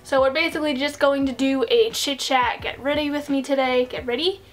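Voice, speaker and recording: Talking into a desk mic at home, a young streamer and vlogger does her makeup in a get-ready-with-me chat, rambling and self-deprecating. Her high voice moves briskly with fairly even intonation, and faint music plays behind.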